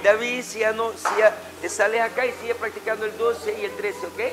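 On the matted floor of an indoor martial arts gym, a middle-aged instructor runs his class with brief, forceful commands and corrections that he repeats. His voice is high-pitched and flat, and he talks fairly quickly as he calls out drills.

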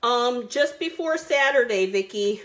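A woman's voice: a little high, expressive, measured pace, a bit bright. A woman hosting a live card-making stream, chatty and bubbly, greeting viewers by name as she works. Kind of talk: live crafting stream chat.

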